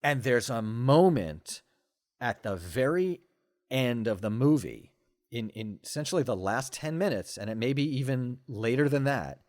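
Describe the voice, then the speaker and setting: A man's voice: mid-range voice, animated, measured pace, darkish tone, dry recording, clean studio sound. A man in his forties, a podcast guest, talking with enthusiasm and many stammering restarts in casual conversation.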